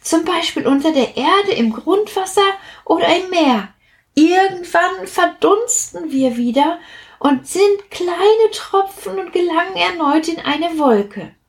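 A woman's voice: very high voice, animated, takes it slowly, voice pushed up, full character voice. A woman voicing a cheerful, knowing young male water drop who eagerly explains things in a storybook. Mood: cheerfully explaining.

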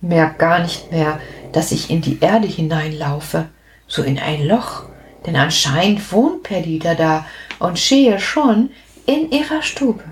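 A woman's voice: lowish voice, animated, takes it slowly, slight background noise. A woman telling a playful bedtime story to children, speaking expressively and addressing them directly.

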